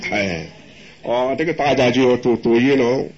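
A man's voice: mid-range voice, normal speed, a crowd in the background. An older man, a Buddhist monk, giving a folksy dharma talk, answering questions with rhetorical questions and chuckles. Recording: dull lo-fi recording.

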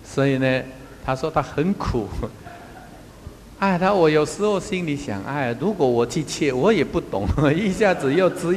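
A man giving a Buddhist Dharma talk as a monastic teacher, telling anecdotes in an animated way and chuckling often. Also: fairly high pitch, in a large hall, slight background noise.

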